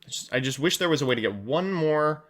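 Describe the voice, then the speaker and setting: Excitable man commentating a card game stream. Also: on the high side, fast talker. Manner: excitable, chatty, reads chat aloud and laughs at his own jokes. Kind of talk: casual live-stream commentary while playing a card game.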